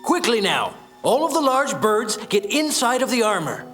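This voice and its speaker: An actor playing a wise male gnome judge in a cartoon, giving brisk orders in a fatherly way. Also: very high voice, big pitch swings, fairly bright tone, exaggerated voice. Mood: commanding. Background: cartoon music.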